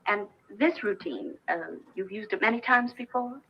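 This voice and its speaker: A woman's voice: medium pitch, lively intonation, moderate pace, slightly rough, dull audio. An actress playing a proper young woman in a 1950s film, prim and questioning.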